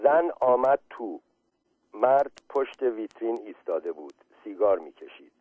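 A man reading a novel aloud as a guest on a radio program, in a measured, even storytelling manner. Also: on the low side, no room sound. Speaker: guest reader. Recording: tinny phone-like line, dry.

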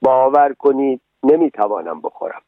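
A man voicing a stubborn, whiny wooden puppet boy in a storybook reading, with high, pleading protests over a tinny radio broadcast. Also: animated, no echo, lightly acted. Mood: whining.

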